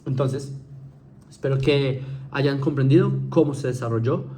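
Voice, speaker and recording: In a mid-range, mellow voice at normal speed, a man lectures viewers informally and conversationally, a little hiss or hum present. Frequent "¿sí?" check-ins, fillers, and restarts mark his delivery, along with some mocking mimicry.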